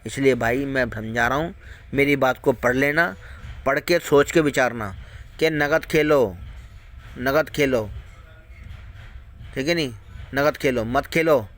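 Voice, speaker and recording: This man's mid-range, fairly bright voice is unhurried, with frequent pauses. He's a video host warning his audience through a furious, expletive-heavy rant delivered right at the camera, full of repetition and rhetorical questions.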